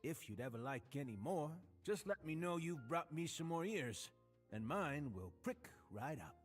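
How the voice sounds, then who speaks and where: A man's voice: fairly high pitch, sing-song, normal speed, soft background music. A man voicing a suave, courteous hotel bartender in a video game who oddly collects ears, speaking in a polite, genteel manner. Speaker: game character.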